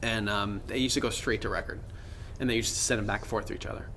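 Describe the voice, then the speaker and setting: Bright-voiced joking man on a podcast. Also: fairly low pitch, steady tone, fast talker, creaky, a little hiss or hum. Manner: joking, rambling, many fillers. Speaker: podcast co-host. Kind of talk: casual chat.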